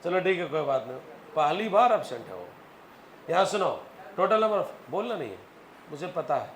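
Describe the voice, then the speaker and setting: A man's voice: on the high side, big pitch swings, moderate pace, a bit bright. A man teaching physics, telling a story and quizzing his students. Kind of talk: classroom lecture with storytelling. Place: classroom. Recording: echoey classroom, faint noise.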